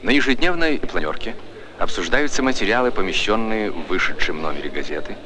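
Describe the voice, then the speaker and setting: A man's voice: fairly low pitch, lively intonation, a little fast. A man giving formal, declamatory announcer narration in the style of an old newsreel. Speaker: documentary narrator. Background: music score.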